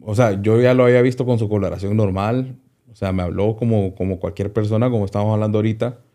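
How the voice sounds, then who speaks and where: A man with a low voice and a dark, mellow tone recounts a personal story as an interview guest. He is a doctor who hesitates as he talks and keeps repeating small words before finding the next phrase. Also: steady tone, quick pace.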